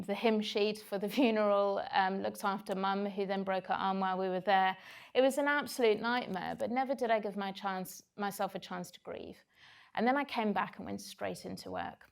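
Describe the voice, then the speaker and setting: On stage, a woman in her forties from South Africa gives a candid, reflective personal talk, her medium-pitched voice marked by vocal fry. Her South African accent comes through, and she says "um" a lot.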